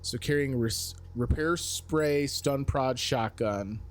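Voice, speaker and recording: A man's voice: medium pitch, slow. A man giving casual video game commentary as a streamer, thinking aloud in a musing, self-questioning way.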